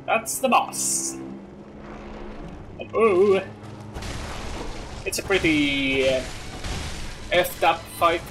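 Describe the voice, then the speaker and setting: Male gaming host, thirties: unhurried, swooping pitch, playful casual asides, game music underneath. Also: expressive. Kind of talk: casual let's play commentary. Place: small room indoors.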